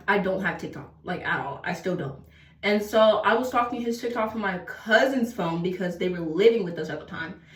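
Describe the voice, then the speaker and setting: Young woman vlogger, slangy and dramatic, slightly high voice, echoey room and off-mic. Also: fairly bright tone, distant mic. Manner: chatty, dramatic, slangy, breaks into sing-song bits. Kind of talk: casual storytime while getting ready. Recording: roomy echo, voice a bit off-mic.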